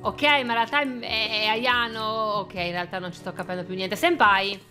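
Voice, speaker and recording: A woman's voice: mid-range voice, normal speed, sharp tone, faint music behind. A woman giving playful, theatrical gameplay commentary as a YouTuber. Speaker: gaming YouTuber.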